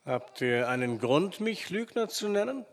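A man voicing a calm, measured frontier hero who speaks with quiet authority, in a story reading with a long hall reverb. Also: on the high side, voice pushed up.

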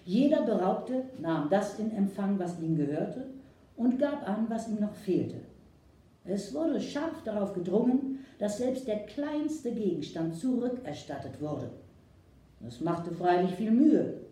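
A woman reading a story aloud in a lively, expressive narration, recorded far from the mic in an echoey room. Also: medium pitch, a little slow. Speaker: audiobook reader. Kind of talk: scripted narration.

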